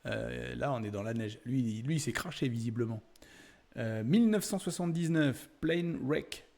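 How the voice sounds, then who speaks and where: A man's voice: mid-range voice, expressive, moderate pace, gravelly, a little mellow. A young man giving chatty, laughing commentary while browsing a website, thinking aloud with lots of fillers. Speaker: YouTuber exploring a website. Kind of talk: casual screen-share commentary.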